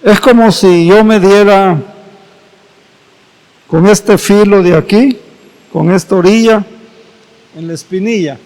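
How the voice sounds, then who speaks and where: A man pastor preaching a sermon, retelling scripture slowly and dramatically with repeated phrases. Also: high-pitched, darkish tone. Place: church hall. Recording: echoey church hall.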